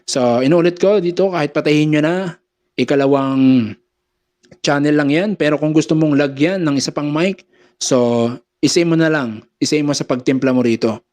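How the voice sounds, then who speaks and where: A man with a darkish voice on the high side walks viewers step by step through mixer settings in a relaxed tutorial from his small home studio. He sells audio gear, and he pauses to run mic checks on a condenser mic feeding the mixer.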